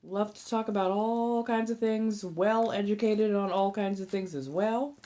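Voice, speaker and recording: A woman's voice: medium pitch, steady tone, a little slow, dark tone. A woman with a Southern California accent chatting casually and informally to viewers as a livestream host and tarot reader, rambling a little as she goes.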